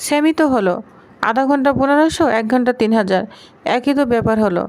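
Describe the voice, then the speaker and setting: A woman's voice: high voice, expressive, quick pace, darkish tone. Woman reading a teasing young husband. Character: teasing young husband, mock-offended and playful.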